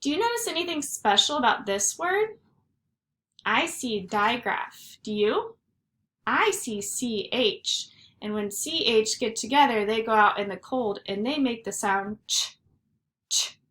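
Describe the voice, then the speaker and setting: A woman teaching a phonics lesson to first graders, sounding out letters slowly and clearly. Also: on the high side, expressive, fairly bright tone. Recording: echoey room with faint noise.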